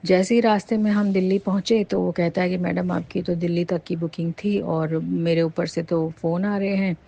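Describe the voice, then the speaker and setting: A woman earnestly retelling a personal devotional experience in a casual, animated way, with frequent fillers. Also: on the low side, normal speed, gravelly, lo-fi sound. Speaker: devotee sharing a testimony.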